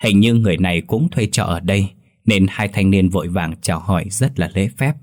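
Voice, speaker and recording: A man narrating a scripted horror story in a steady, even storytelling voice. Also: low-pitched, fairly quick.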